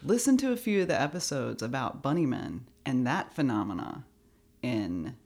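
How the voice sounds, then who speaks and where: A woman's voice: extremely low pitch, sing-song, moderate pace, darkish tone, husky. A woman co-hosting a podcast in casual, playful chat, free-associating and laughing often. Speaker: podcast co-host.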